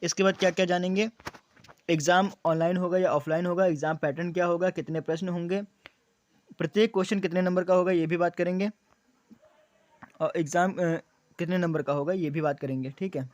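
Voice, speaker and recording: A man's voice: sits high, fairly even intonation, fairly quick, a little mellow, dry recording. A young man explaining exam details to students, repeating key points as questions and answers, with frequent fillers. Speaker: exam coaching YouTuber.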